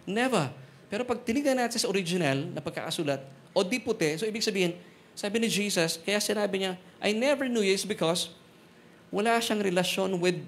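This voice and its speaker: Filipino pastor preaching with light humor. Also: male voice, sits high, fairly bright tone. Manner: switches between Tagalog and English, jokes with congregation; slows to stress Bible verses. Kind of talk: sermon. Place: church hall.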